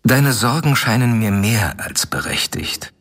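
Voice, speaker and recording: A man's voice: medium pitch, animated, measured pace, a bit bright. An actor playing Doctor Seward, a devoted young physician, reading his letter and talking in a radio play. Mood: earnest. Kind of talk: radio play acting and narration.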